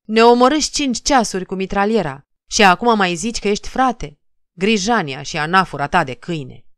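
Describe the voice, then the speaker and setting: A woman voicing an enraged male army sergeant who shouts insults, in a dry recording. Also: mid-range voice, animated, clear, resonant tone, no room sound, natural voice. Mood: furious.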